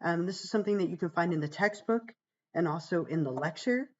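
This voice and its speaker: Talking fast, a woman who teaches psychology walks students through a course page on a casual livestream, her voice hoarse, gravelly and deeper from illness. She's chatty and reassuring with lots of "um" and "right?", a little mellow in tone, and the recording sounds muffled.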